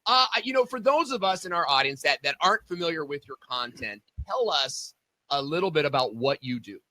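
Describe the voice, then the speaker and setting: A man's voice: on the high side, lively intonation, brisk, sharp tone, dry recording. A man hosting a casual business talk show, chatting in a friendly, conversational way with fillers. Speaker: show host.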